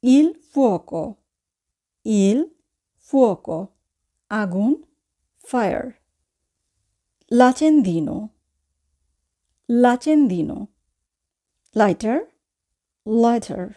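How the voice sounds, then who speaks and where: A woman's voice: a little high, expressive, very slow, pauses often, warm tone. A woman with a Bangladeshi Bengali accent teaching vocabulary, saying each word twice and then translating it. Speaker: language teacher. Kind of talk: slow vocabulary lesson.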